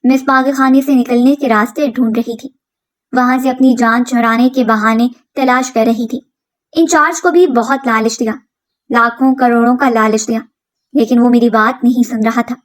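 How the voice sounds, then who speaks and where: A woman's voice: fairly high pitch, fairly even intonation, moderate pace. A woman telling a dramatic story in the first person, reading a script in an earnest storytelling manner.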